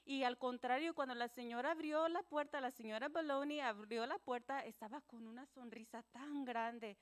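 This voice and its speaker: Lady telling the kids a story at church, lively, does little voices, soft and simple. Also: high voice, normal speed. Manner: animated storytelling with quoted voices; gentle, simple words for children. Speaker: children's story teller.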